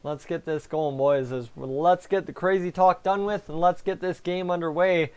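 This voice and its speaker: A man's voice: on the high side, steady tone, normal speed, darkish tone, clean tone. A man hosting a live hockey fan reaction stream, chatting casually and answering viewers while talking with a sore, raw tongue. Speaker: fan livestream host.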